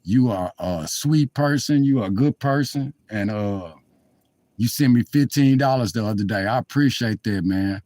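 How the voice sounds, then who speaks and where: A man's voice: mid-range voice, moderate pace, a little mellow, no echo. Rambling heartfelt man on a dry phone mic. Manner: rambling, heartfelt, apologetic, talks straight to chat. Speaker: live-stream vlogger. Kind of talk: casual live-stream chat. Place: car in cold weather.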